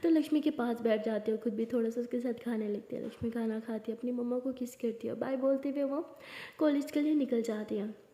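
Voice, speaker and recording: A woman tells a story in a relaxed, chatty narrating voice, a little high and mellow. Her words ring out in a roomy hall with a long reverb tail. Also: brisk. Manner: conversational, plain retelling.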